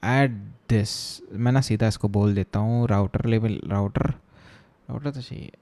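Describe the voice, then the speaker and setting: On a coding live stream, a young man from Chennai, India chats and jokes with viewers, reading their messages aloud and answering them. He mixes Hindi with English tech terms. His voice is lowish, a little slow and dark.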